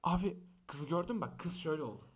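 A young man hosting a podcast, telling funny stories and acting out the shouting people in them. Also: fairly high pitch, fast talker, husky. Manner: animated, acts out quoted shouts and voices. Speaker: podcast host. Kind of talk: casual podcast storytelling. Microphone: close podcast microphone.

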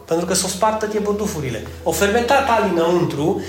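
A man's voice: high voice, expressive, roomy sound. A male pastor, preaching a humorous sermon, acting out little scenes and calling on listeners by name. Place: church, indoors.

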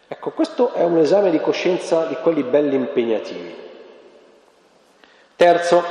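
A man's voice: mid-range voice, a little mellow, highs cut off. A man preaching a conversational sermon during spiritual exercises, ironic and asking his listeners questions. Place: parish church. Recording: echoey church hall.

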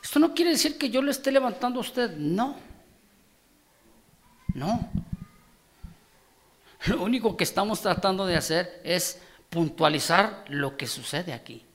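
A man's voice: sits high, lively intonation, unhurried, pauses often, a bit bright. A man preaching a sermon, emphatic, calling out questions to the congregation. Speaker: guest preacher.

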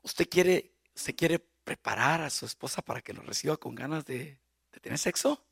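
A man preaching a sermon on marriage as a guest pastor, animated, acting out spouses' lines and shouting for emphasis. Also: fairly high pitch, normal speed, gravelly, breathy edge, dry recording, clean studio sound.

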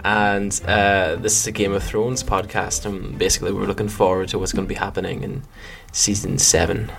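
A low-voiced man with a Donegal Irish accent talks as a podcast co-host. He chats in a casual, rambling style, with a joking streak. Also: level tone, normal speed, gravelly, a bit bright. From County Donegal, Ireland. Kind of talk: casual fan podcast chat.

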